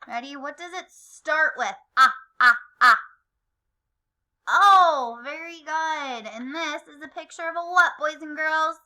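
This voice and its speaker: A woman's voice: high-pitched, a little slow, few pauses, bright, forceful tone. A woman teaching an early-grade phonics lesson to children, stretching out sounds and encouraging them.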